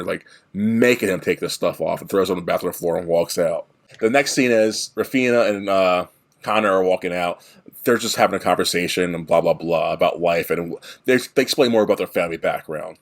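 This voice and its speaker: A man co-hosting a podcast, casually retelling a film's plot in a rambling way and slipping into playful voices for the characters. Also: low-pitched. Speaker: podcast co-host. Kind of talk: casual movie recap.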